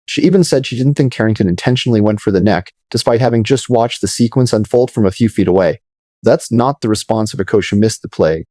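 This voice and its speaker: A man narrating scripted video commentary in a measured, dramatic storytelling manner. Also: fairly low pitch, dark tone, no room sound, studio quality.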